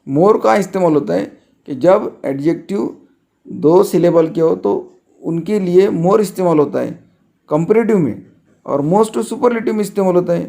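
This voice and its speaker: A man teaching a grammar lesson, patiently restating the rules and dictating example sentences slowly, word by word. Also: sits high, creaky, mellow.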